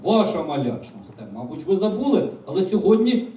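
A man's voice: sits high, big pitch swings, a little fast, mellow. A man voicing a dutiful, soldierly old bearded dragon who speaks in a formal, respectful way, reading a children's story. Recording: echoey room, from far off.

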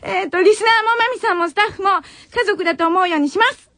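A young woman with a Nagoya accent hosts a late-night radio show, her very high voice hurrying along even though it is worn from crying. The sound is close and dry, coming from a muffled old cassette recording. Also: quick pace, no room sound. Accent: Nagoya dialect. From Tokai region of Japan. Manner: emotional farewell, voice choking with tears between laughs. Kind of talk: radio talk, reading listener letters. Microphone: studio radio mic.

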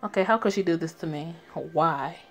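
A furious young man, voiced by a woman, heartbroken and swearing as he demands answers. The voice sits fairly low and stays angry and pushy throughout. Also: normal speed, slight background noise. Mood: distraught.

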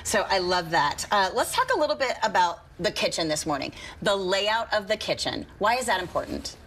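A woman's voice: medium pitch, lively intonation, normal speed, fairly bright tone, a little hiss or hum. A middle-aged woman hosting a local TV lifestyle segment, upbeat and promotional, on a lapel mic in a studio. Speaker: TV morning show host. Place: TV studio set, in doors.

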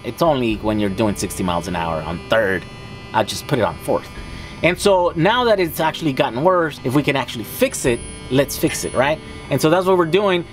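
A man's voice: mid-range voice, expressive, a little fast, faint music behind. A man in his thirties, a vlogger, casually explaining a hands-on repair job in his home garage and thinking aloud as he works. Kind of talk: casual DIY vlog.

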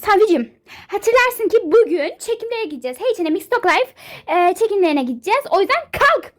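A woman doing a shrill, bossy, hyper young model. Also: very animated, fairly quick. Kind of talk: game character role-play dub.

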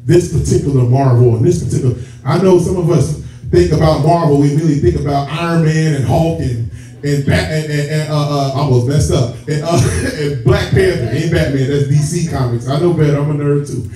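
This male preacher, a church elder, speaks a little high and fairly quickly with a dark tone, giving a sermon to his congregation. His delivery is conversational and direct, with key words stretched out for emphasis. A far camera at the back of the sanctuary, which has a stage and rows of seats, captures him sounding muffled, echoey and distant.

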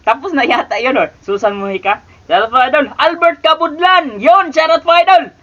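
High, bright-voiced man on a lo-fi mic. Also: moderate pace. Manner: stumbles over names, keeps saying "mga idol"; cheery, rising shoutouts. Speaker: vlogger reading viewer shoutouts. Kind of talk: casual shoutout vlog.

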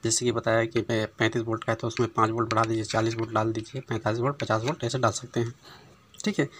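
Man, TV repair tutor, chatty and relaxed, phone mic over the bench, faint hiss. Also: fairly low pitch, fast. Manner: conversational, keeps adding "है ना" and "दोस्तों". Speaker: TV repair instructor. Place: workshop bench, voice behind handheld phone camera.

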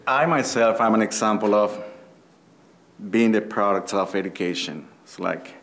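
A man from Venezuela with a Venezuelan Spanish accent, speaking haltingly as a panelist in a conference room. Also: fairly low pitch, fairly bright tone, a little hiss or hum. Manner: halting, searching for words. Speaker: panelist, teacher. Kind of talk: panel discussion.

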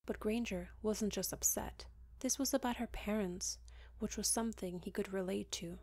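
A woman narrating a fan-fiction audiobook in a calm, steady reading voice. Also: mid-range voice, normal speed. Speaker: audiobook reader.

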